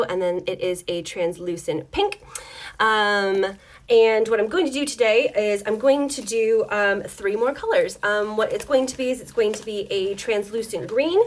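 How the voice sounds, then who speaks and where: A woman with a mid-range, unhurried voice hosts a casual livestream tutorial from her home desk. She's a dice maker, and she rambles apologetically, saying "um" a lot as her voice gives out.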